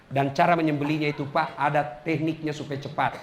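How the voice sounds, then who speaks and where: Joking preacher. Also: male voice, a little high, fairly quick, noisy background. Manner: animated storytelling, joking with the audience. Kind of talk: humorous sermon.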